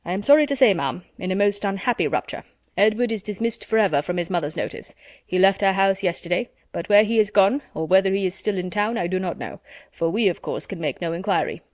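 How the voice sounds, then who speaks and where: A woman reading as a pompous gentleman. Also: mid-range voice, expressive, no echo, clean studio sound, lightly acted. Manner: measured, formal storybook reading. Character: pompous, self-satisfied gentleman, middle-aged.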